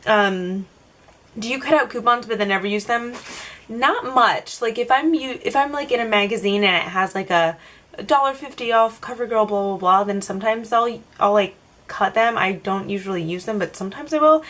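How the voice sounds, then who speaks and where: A young woman talks straight to her camera, working through a list of tag questions. She rambles and fills her answers with "like" and "um", in a voice of middling pitch. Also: moderate pace, a bit bright. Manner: chatty, filler-heavy, self-answering rambles. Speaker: vlogger. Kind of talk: casual tag-video Q&A.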